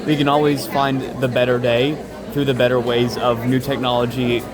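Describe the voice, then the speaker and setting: A young man from Lexington, chatting earnestly and haltingly in a casual interview. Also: medium pitch, flat delivery, music in the background. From Lexington, Kentucky. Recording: loud crowd chatter in busy venue. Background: loud crowd in a public space.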